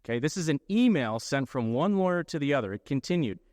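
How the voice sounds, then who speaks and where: A man's voice: fairly high pitch, expressive, fast, a little mellow, dry recording, studio quality. A middle-aged man presenting to a room of lawyers, explaining points and checking in with his listeners as he goes. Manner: explanatory, often checks in with "okay?". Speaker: lawyer giving a talk. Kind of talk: conference presentation.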